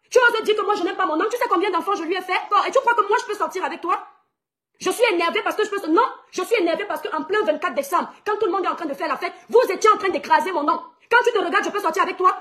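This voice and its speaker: A woman's voice: very high-pitched, fairly bright tone. A woman blogger ranting on a live stream, scolding her rivals and speaking straight to her followers with indignation. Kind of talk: heated live-stream rant.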